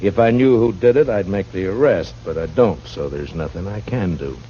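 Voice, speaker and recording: A man playing a steady, dry-spoken frontier marshal in an old radio drama. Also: deep voice, moderate pace, a little hiss or hum, close to an everyday voice. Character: calm, tough frontier lawman, grown man. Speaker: lead actor as U.S. marshal. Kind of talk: 1950s radio drama acting. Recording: muffled old radio broadcast.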